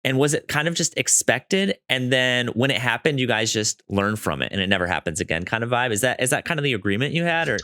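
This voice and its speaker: Man, mid-pitched voice, casual podcast host, friendly loose questions. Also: animated, quick pace, hardly any pauses, pushed and bright.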